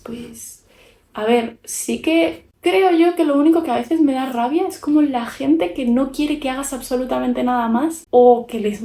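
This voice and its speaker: A woman's voice: high voice, creaky, warm tone, echoey room. A young woman with a Spanish accent from Spain chatting frankly in a casual podcast style as a YouTuber, giving her opinions while she draws.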